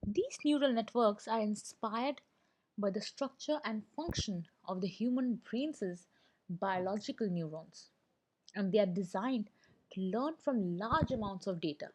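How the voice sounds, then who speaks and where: A woman presenting an explainer lesson as scripted narration, in a steady, read-aloud delivery. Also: medium pitch, measured pace.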